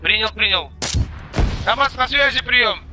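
A man's voice: very high voice, lively intonation, a little slow. A man giving brusque, swearing commands as a squad leader over tactical game voice chat. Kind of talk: tactical voice chat during gameplay. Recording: noisy gaming voice chat with gunfire.

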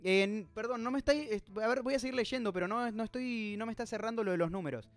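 Male host, high voice, reads a manga live and picks at the details; faint music bed. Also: fast talker. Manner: reads dialogue aloud, stops to puzzle over details; reads out chat comments. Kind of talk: reading a manga aloud with live commentary.

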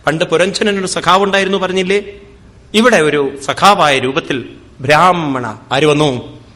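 Guy giving a scripture talk, chants verses slow then explains, kinda high bright voice. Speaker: spiritual teacher. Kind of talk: scripture discourse.

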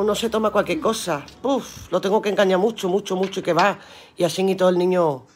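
Brief: woman, live-stream seller, chatty and earthy, swears casually, laughs a lot. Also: mid-range voice. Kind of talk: casual live-stream chat reading viewer comments aloud.

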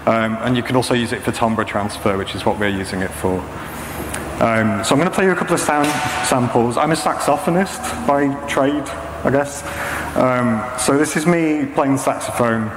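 In an echoey hall with clearly noisy background, a man in his thirties stands on an indoor stage before a projection screen. A saxophonist and machine learning practitioner, he gives an informal technical talk in a mid-range voice, explaining things hesitantly.

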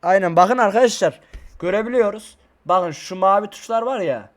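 A man talking casually to his viewers in a vlog, rambling and excitable, into a desk microphone. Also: high-pitched, normal speed. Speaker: YouTuber. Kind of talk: casual vlog talk to camera.

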